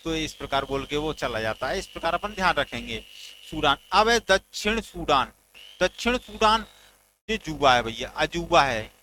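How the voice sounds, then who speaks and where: A man's voice: fairly high pitch, lively intonation, moderate pace, bright, forceful tone, slight background noise, poor audio. A man teaching a general knowledge lesson, telling playful stories and acting out little dialogues as memory tricks. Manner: playful storytelling with mnemonic jokes, acted dialogue.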